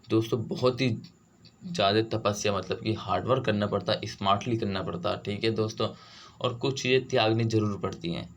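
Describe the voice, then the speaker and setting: A man giving an online vocabulary lesson for exam prep. He switches between Hindi and English, reads the English words slowly, and keeps saying "theek hai" and "doston". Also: lowish voice. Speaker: vocabulary teacher.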